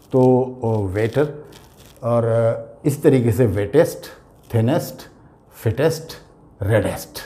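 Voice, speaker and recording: A man's voice: mid-range voice, dark tone, slight background noise. A man with an Urdu accent teaching English grammar, explaining patiently and spelling words out letter by letter. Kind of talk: classroom grammar lesson.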